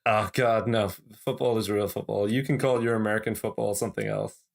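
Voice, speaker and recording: A man's voice: lowish voice, animated, brisk, vocal fry. A man with an Irish accent co-hosting a casual podcast, joking and laughing often, rambling with fillers. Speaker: podcast co-host. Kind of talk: casual chat.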